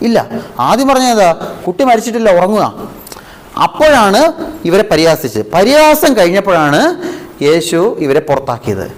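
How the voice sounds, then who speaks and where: Animated priest preaching a sermon. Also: male voice, moderate pace, long pauses, poor audio. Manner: asks the listeners questions and repeats key phrases; animated, with big swings of pitch and loudness.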